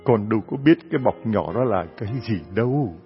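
A man's voice: lowish voice, lively intonation, brisk, faint music behind, pitched below the performer's own voice. A man doing a meek pleading orphan girl. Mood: earnest, pleading. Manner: soft, pleading, tearful. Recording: dull lo-fi recording.

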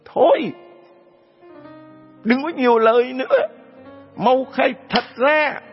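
A cruel, shrieking stepmother, as a male storyteller puts her on, spits abuse in a voice pushed far above a man's usual range. Her scolding is loud and relentless, and the old recording sounds dull and muffled, with faint music behind. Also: high voice, huge pitch swings, racing, slightly rough, voice pushed up, exaggerated voice. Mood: sneering, shouting. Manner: screeching, scolding, shouting insults. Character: shrill cruel middle-aged stepmother, screeching and abusive.

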